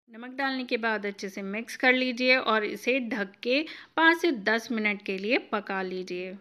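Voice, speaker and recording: Female cooking host, fairly high and crisp, instructive recipe voice-over. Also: pushed and bright. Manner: clear step-by-step instructive.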